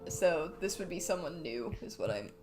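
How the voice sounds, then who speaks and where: A woman's voice: on the low side, big pitch swings, moderate pace, a little mellow, soft background music. A woman hosting a let's play, chatting casually and self-deprecatingly as she plays. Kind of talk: casual gameplay chat.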